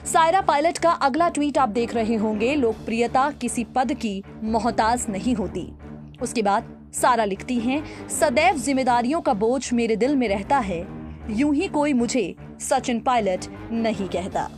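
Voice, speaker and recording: Woman newsreader voice-over, even cadence, music playing behind. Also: on the high side, a little slow. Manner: reads quoted tweets aloud in an even newsreader cadence. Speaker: news reader. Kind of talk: scripted news voice-over. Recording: voice-over with clear background music.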